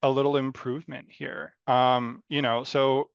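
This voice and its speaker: A man gives friendly design feedback in a rambling, unscripted way, with lots of fillers and light self-deprecating humor. His voice has a gravelly texture. The recording is dry and a little dull and lo-fi. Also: mid-range voice, little pitch movement, unhurried, no echo. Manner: rambling, loose delivery with many fillers. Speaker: mentor giving design feedback. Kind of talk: live design critique, casual and unscripted.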